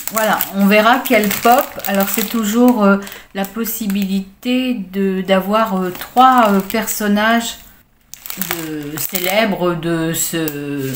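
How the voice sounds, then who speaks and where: Woman doing a grocery haul vlog, talks slow, lots of ums, reads off prices one by one. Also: medium pitch, noisy background. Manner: slow, hesitant, many fillers, reads out prices. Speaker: vlogger showing her grocery haul.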